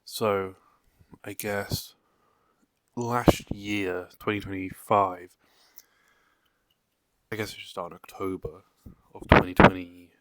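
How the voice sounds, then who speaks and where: A man's voice: sits low, fairly even intonation, slow pace, pauses often, heavy background noise. A young man from England talking casually and out of breath, rambling with lots of fillers and the odd swear word. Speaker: vlogger. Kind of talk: unscripted casual vlog.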